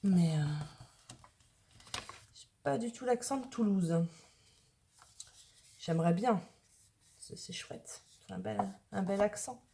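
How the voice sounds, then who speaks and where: Woman, from northern France, craft tutorial host; slow, warm-toned, chatty. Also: mid-range voice, creaky, slight background noise. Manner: chatty, talks to viewers while working with her hands. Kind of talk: casual craft tutorial narration.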